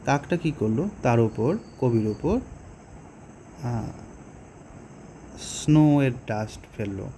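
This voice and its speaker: Slow, mellow-voiced Bengali teacher. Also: male voice, medium pitch, lively intonation, slight background noise. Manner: explains slowly, with hesitations and rhetorical questions. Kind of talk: poetry lesson explanation.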